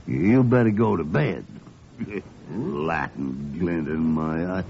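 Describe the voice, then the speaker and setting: An actor playing a gruff, skeptical older doctor in an old radio drama, gravelly and grumbling, with hums and stammers. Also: male voice, sits low, animated, slow, darkish tone, exaggerated voice. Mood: grumpy, skeptical. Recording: dull, noisy old radio recording.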